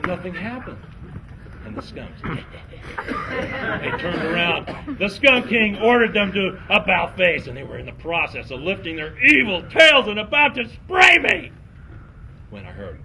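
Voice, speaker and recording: A man telling a dramatic campfire story theatrically, swinging from hushed tones to shouting. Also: sits high, a little hiss or hum, low-quality recording.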